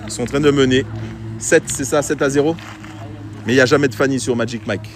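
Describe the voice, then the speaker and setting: A man gives chatty live commentary on an outdoor pétanque game, talking directly to his viewers. His medium-pitched voice is brisk with fairly even intonation, and faint street noise is audible.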